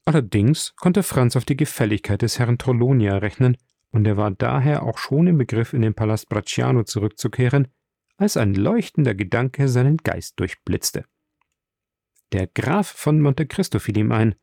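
Man reading an old novel aloud, gravelly mellow voice, dry close sound. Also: mid-range voice, lively intonation, normal speed, no echo. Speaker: audiobook narrator. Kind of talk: scripted narration of a classic novel.

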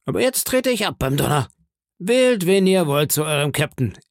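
Man doing Long John Silver, gravelly and scornful. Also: on the high side, big pitch swings, moderate pace, dry recording, studio quality, pitched above the performer's own voice. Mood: threatening. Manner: scornful, threatening. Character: cunning older male pirate leader, menacing.

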